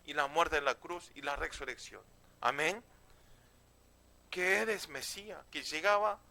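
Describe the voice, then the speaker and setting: A male pastor preaching. His voice is high and bright, and he presses hard on key phrases. He checks in with his listeners again and again. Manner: emphatic, often asks "¿sí?" and "Amén". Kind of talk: sermon.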